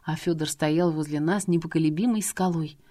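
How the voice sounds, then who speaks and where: Woman, lowish voice, first-person audiobook narration, expressive, emotional storytelling. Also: normal speed.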